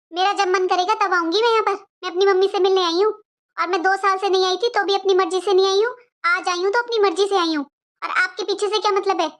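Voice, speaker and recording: Woman doing a fierce, indignant daughter, very high voice. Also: a bit bright. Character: protective grown-up daughter, outspoken. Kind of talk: family drama acting.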